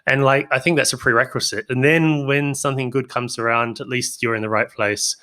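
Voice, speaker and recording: Bright-voiced New Zealand man hosting. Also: medium pitch, fairly even intonation, fairly quick. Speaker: podcast host. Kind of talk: casual interview conversation.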